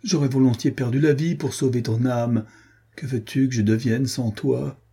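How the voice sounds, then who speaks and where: A man's voice: mid-range voice, steady tone, moderate pace, dark tone, slightly rough, voice pushed up. A man voicing a distraught young nobleman. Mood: anguished. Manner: anguished, pleading, explosive.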